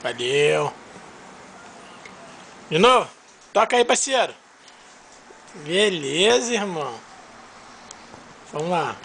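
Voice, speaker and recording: A man's voice: a little high, very animated, slow pace, creaky, long pauses, fairly bright tone, slight background noise. A man with a Brazilian accent filming a baby at home and talking to it in a playful, coaxing sing-song. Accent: Brazilian Portuguese.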